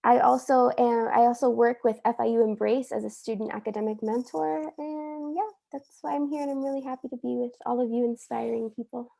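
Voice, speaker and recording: A woman's voice: a little high, steady tone, brisk, creaky, few pauses, mellow. A young woman student from Miami introducing herself in an earnest, friendly way on a video call. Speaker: undergraduate student.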